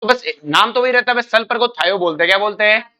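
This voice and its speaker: A man's voice: sits high, fast, sharp tone. A male chemistry teacher, coaching exam students by firing questions and repeating the answers back. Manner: quizzing students, calling them "beta", repeating answers. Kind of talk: coaching lecture with call-and-response.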